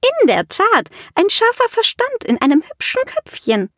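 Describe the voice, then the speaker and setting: Woman doing a smug little witch, giggly, prim, kinda preachy, high voice. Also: wildly swooping pitch, measured pace, fairly bright tone, no room sound, clean studio sound, heavily acted.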